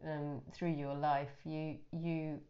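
A woman's voice: low voice, flat delivery, takes it slowly, highs cut off. A woman hosting a casual podcast interview, speaking affectionately. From Scotland. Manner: warm, affectionate. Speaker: podcast host.

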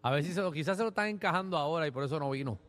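A man co-hosts a casual radio show, tossing in dry, joking asides. He has a slightly high voice. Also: animated, racing, fairly bright tone. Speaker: radio co-host.

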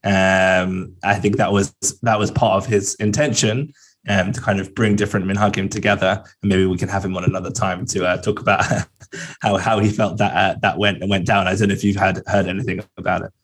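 Low-voiced, hesitant male podcast host. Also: level tone, husky. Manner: thoughtful, with many "um" and "uh" pauses. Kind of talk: casual interview questions.

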